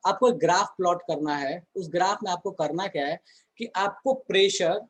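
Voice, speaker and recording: A male teacher leads an online chemistry class in a relaxed, conversational way, throwing out questions to his students and answering them himself. His voice sits a little higher than most men's. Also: moderate pace, rough recording.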